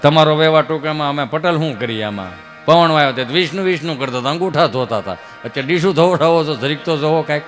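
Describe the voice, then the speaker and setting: A man's voice: on the high side, quick pace, few pauses, fairly bright tone, soft background music. A man from telling comic stories on a live stage, acting out the characters' dialogue in shifting voices. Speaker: stand-up comedian. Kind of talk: Gujarati folk comedy storytelling. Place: live stage at a religious gathering.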